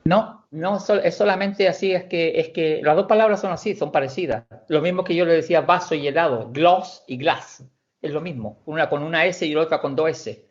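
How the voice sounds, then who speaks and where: A man teaching a language class over an online call, his voice a little high. He explains slowly, restarting and repeating words as he goes. The audio is muffled and dull, like a video call. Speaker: Swedish teacher.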